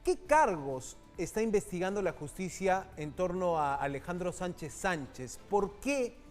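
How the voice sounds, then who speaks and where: A man from Peru anchoring a live news show, talking briskly and conversationally, speaking straight to the viewer. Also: high voice, sing-song, soft background music.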